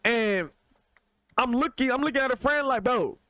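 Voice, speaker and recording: A young man co-hosting a podcast, telling a story in a casual, slangy, animated way. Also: very high voice, normal speed. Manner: animated, slangy, voice jumps up when excited. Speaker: podcast co-host.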